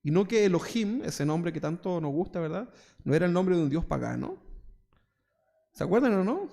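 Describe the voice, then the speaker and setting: A man's voice: high voice, big pitch swings, moderate pace, vocal fry, dark tone. A male pastor with a Chilean Spanish accent, giving a conversational sermon full of rhetorical questions and mocking asides. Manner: conversational preaching, rhetorical questions, mock voices.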